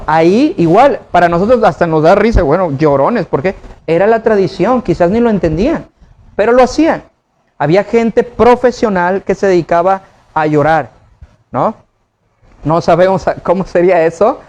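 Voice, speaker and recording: High-voiced preacher, chatty and animated. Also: male voice. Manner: conversational preaching with rhetorical questions to the congregation. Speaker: pastor. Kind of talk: sermon. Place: church.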